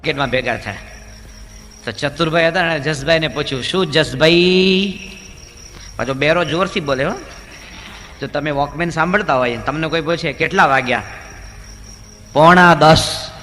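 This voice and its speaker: A male monk giving a humorous sermon in a large hall, telling jokes and acting out characters in lively storytelling. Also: a little high, slight background noise.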